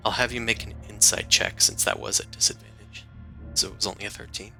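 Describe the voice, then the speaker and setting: A man's voice: lowish voice, fairly even intonation, a little fast, gravelly, sharp tone, soft background music. A man narrating a tabletop role-playing game as game master in a casual, improvised, conversational way.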